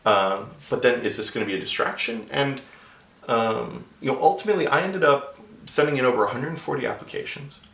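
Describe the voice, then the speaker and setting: A man with a gravelly, fairly bright mid-range voice talks a little fast, giving conversational job-search advice in a vlog. He's a native English speaker who often restarts his sentences and uses many filler words, and the recording sounds roomy.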